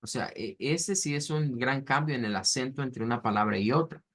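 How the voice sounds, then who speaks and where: A man teaching a language class, explaining pronunciation slowly and patiently, with frequent fillers and restarts. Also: mid-range voice, fairly bright tone. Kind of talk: online class lecture.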